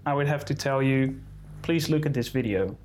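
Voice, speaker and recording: A man's voice: medium pitch, normal speed, darkish tone, a little hiss or hum. A man who is not a native English speaker, answering interview questions in careful English and searching for words. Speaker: conservation photographer being interviewed.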